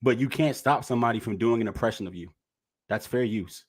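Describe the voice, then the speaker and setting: A man co-hosting a casual podcast, talking emphatically, repeating his points and swearing, and getting loud and animated when excited. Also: medium pitch, brisk. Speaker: podcast co-host. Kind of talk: casual chat.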